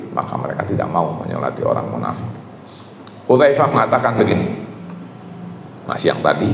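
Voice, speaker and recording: A man giving a religious lecture, explaining texts and speaking directly to his audience with animated retelling. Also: fairly low pitch, gravelly, a little hiss or hum. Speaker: preacher. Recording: echoey hall with faint ambience.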